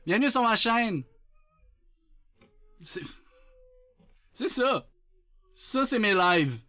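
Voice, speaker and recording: A Québécois man on a live stream talks loudly through a sensitive desk mic, joking with his chat and bursting into laughs. His pitch jumps all over the place while his delivery stays unhurried. The sound is dry and close, with no room around it. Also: big pitch swings, dry recording. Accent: Québécois French. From Quebec. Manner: loud, jokey, laughs often. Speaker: Twitch streamer.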